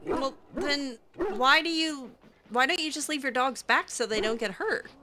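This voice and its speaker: A woman improvises lines as her video game character, role-playing in casual, hesitant, conversational phrases. Her high-sitting voice is bright and forceful at normal speed, with faint background noise.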